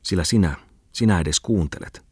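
A man voicing an excitable, garrulous male scholar in an audiobook reading, rambling in bursts. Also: low-pitched, breathy edge, dry recording, clean studio sound. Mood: agitated. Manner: rapid exclamatory rambling.

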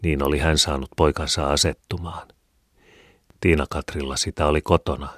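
Male audiobook reader, very low voice, measured and even, dead-dry booth sound. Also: no room sound. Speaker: audiobook narrator. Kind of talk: scripted narration of a classic novel.

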